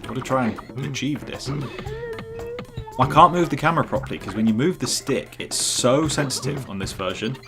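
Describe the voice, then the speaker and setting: Gravelly man streaming a game. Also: mid-range voice, normal speed, music in the background. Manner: rambling, joking, chats with viewers. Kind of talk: casual live gameplay commentary.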